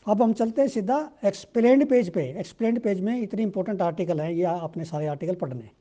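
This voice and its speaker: A man with an Indian accent, teaching exam questions in a conversational way and reading statements aloud slowly. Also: high-pitched, dark tone, highs cut off. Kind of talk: explaining current-affairs exam questions.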